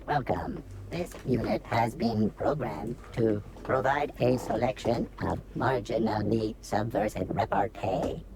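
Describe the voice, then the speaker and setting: A woman voicing a deadpan female bartending robot in a video game, her voice run through a robotic filter and delivered in flat, mechanical announcements like a machine booting up. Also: very deep voice, a little slow, gravelly, few pauses, noisy background, exaggerated voice. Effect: robotic synthesized voice filter. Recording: game audio with crowd chatter behind.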